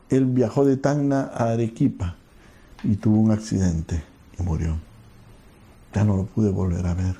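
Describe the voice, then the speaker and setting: Male pastor, gravelly and mellow, earnest sermon storytelling with a quiet prayerful close. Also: medium pitch. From Peru.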